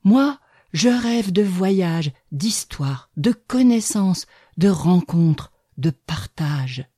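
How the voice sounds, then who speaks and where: A woman's voice: lowish voice, animated, extremely slow, dark tone, slightly rough, dry recording, clean studio sound, heavily acted. A woman doing a hopeful little ash tree. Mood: dreamy. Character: small young ash tree, eager dreamer. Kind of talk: audiobook reading.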